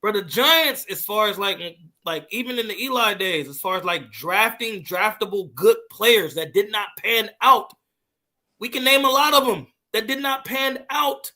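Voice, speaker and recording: A man with a high, bright voice talks football in a slangy, joking way. He keeps saying "bro" and "man" as he makes his case. He often talks over the others. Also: normal speed. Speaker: football show panelist. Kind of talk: casual sports talk.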